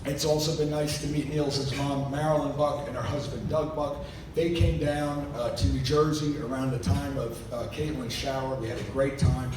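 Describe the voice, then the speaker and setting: A man's voice: flat delivery, moderate pace. A middle-aged or older man giving an informal wedding toast as father of the bride, telling jokey family stories. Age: 50s or older. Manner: jokey storytelling with acted-out quotes. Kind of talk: wedding toast, informal anecdotal speech to guests. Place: large room at a wedding reception. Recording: echoey noisy hall, distant mic, low rumble.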